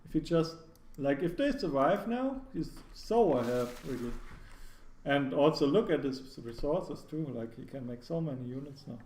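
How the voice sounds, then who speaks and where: A man's voice: on the high side, animated, moderate pace, a little mellow. Echoey-sounding man giving casual game commentary. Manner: hedging, filler-heavy analysis with frequent "like" and restarts. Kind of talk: casual live esports commentary. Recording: echoey room, faint background noise.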